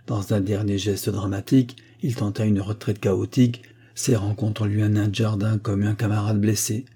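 A man reading a novel aloud as an audiobook narrator, in a measured, expressive way. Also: lowish voice, breathy edge. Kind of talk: scripted narration.

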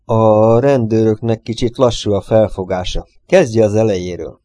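A man doing a weary, gruff police detective. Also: lowish voice, steady tone, mellow, natural voice. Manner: tired and gruff, snapping.

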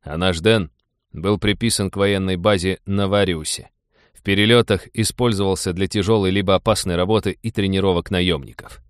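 Man doing jaded space captain, deep and dry, audiobook. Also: steady tone, moderate pace, smooth, dry recording, natural voice. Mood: grim. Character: male starship captain, weary and sardonic.

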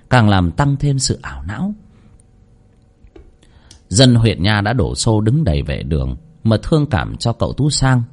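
A man's voice: lowish voice, a little mellow, husky. A man reading a horror story aloud in a dramatic, vivid narration.

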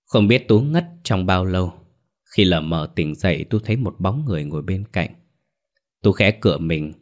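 A man narrating a ghost story audiobook in a steady, measured way. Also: sits low.

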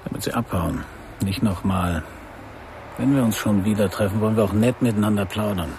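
In a noir radio play, an actor voices a hard-boiled, middle-aged private detective narrating his case. His natural, lowish voice is brisk, dry, laconic and sardonic, with a cool, wry, probing mood, over a noisy background.

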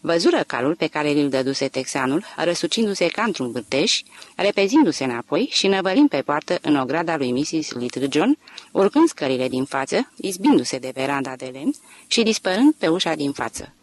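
A woman narrating a literary audiobook with an expressive, dramatic reading. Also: low-pitched.

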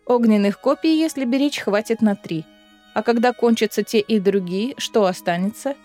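A woman's voice: a little high, normal speed, mellow, faint music behind, lightly acted. A woman voicing a blunt, frowning commander. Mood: grim.

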